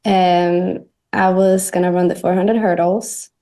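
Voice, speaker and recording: A young woman from Sweden, a native Swedish speaker, answering as a guest in soft, hesitant speech with fillers. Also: lowish voice, flat delivery, unhurried. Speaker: guest athlete.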